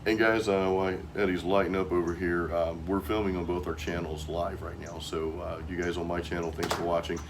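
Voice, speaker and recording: A middle-aged American man hosts a casual chat in a very low voice. His talk is loose and slangy, and there is clear noise in the background. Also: level tone, fairly quick, few pauses. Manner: informal, peppered with "dude" and "man". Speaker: host.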